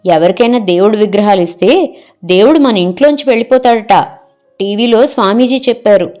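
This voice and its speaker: A woman's voice: medium pitch, a little fast, warm tone, faint music behind, close to an everyday voice. A woman reading the part of a picky middle-aged wife in an audio story, scolding and rejecting every suggestion.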